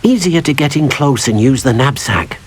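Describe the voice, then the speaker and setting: An actor voices a small, timid male house-elf servant in a video game, who eagerly and fussily refers to himself by name and sounds worried. The husky, high, squeaky voice has lively intonation at a moderate pace, lightly acted, with slight background noise and faint game music.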